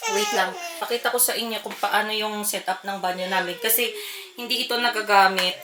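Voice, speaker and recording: A woman's voice: medium pitch, fairly even intonation, brisk, a crowd in the background. A young adult woman and mother vlogging at home, chatting casually to fellow moms and mixing Tagalog with English. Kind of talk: casual chat to camera. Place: home indoors, kitchen and bathroom. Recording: home video with clear background noise.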